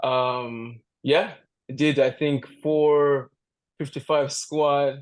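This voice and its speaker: A man's voice: mid-range voice, steady tone, drawn-out words, smooth. A man from Canada, a powerlifter guest on a podcast, chatting casually, joking and laughing often, rambling with restarts. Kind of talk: casual interview chat.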